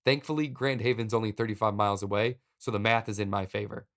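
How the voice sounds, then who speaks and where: A man hosting a podcast, narrating a personal story in a wry, deadpan comic way. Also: on the low side, fast. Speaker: podcast host.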